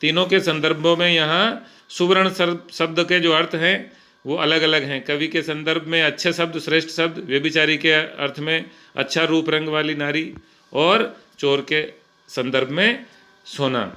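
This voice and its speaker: A man teaching Hindi grammar, reciting verse slowly and then explaining each example. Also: a little high, fairly even intonation, sharp tone.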